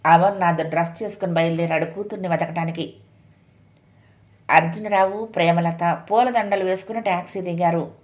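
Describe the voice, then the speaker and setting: A woman storyteller reading a suspense story aloud with steady expression. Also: lowish voice, moderate pace. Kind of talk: audio story narration.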